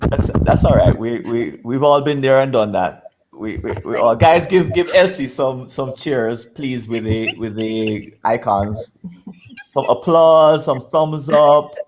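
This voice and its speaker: A man hosts an online workshop in a casual, upbeat way. His pitch sits in a mid range, and he keeps things moving with quick encouragement and frequent laughter. He calls on volunteers and nudges them along. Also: very noisy. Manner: brisk, encouraging, often laughing. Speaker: workshop facilitator.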